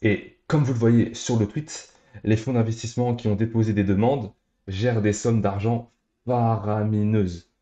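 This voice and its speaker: A man's voice: fairly low pitch, fairly even intonation, moderate pace, dark tone, roomy sound. A young man hosting a crypto news channel, talking straight to his viewers in an upbeat, scripted way. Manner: upbeat, direct address to viewers. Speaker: crypto YouTube host.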